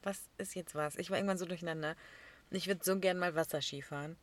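Woman, 20s, casual podcast chat, animated storytelling. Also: lowish voice, fast. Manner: animated storytelling, laughs often. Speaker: podcast co-host.

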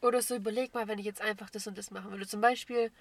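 Woman telling an animated anecdote. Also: medium pitch, rapid-fire, dry recording. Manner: animated storyteller, acts out her own thoughts. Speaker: podcast co-host. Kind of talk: casual chat.

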